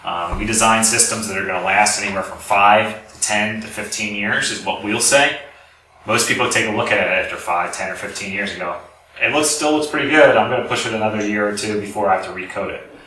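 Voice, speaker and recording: Speaking briskly in a lowish, pushed, bright voice, a lecturer from a company gives an informal, explanatory technical presentation to a roomful of listeners indoors. A distant mic leaves the audio roomy with a faint background hum.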